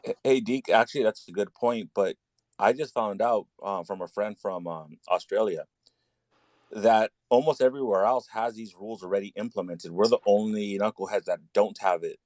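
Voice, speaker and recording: Very low-voiced man in a dry call. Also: moderate pace, darkish tone, no room sound. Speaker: participant on a group call. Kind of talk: casual group call chat.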